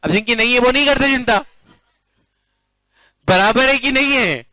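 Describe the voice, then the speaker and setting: A man's voice: very high voice, moderate pace, pushed and bright, dry recording, poor audio. A male commerce teacher lecturing a class playfully, often checking that students follow and mixing English phrases into his talk.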